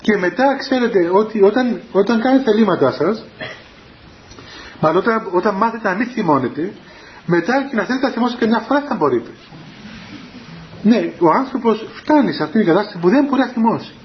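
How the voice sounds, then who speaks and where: A man's voice: sits high, lively intonation. A man giving a storytelling homily as a monastic elder, anecdotal and chuckling, taped on an old cassette. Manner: anecdotal, chuckling, acts out quoted dialogue. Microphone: cassette recorder in the room. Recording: dull lo-fi 1990s cassette recording with faint hiss.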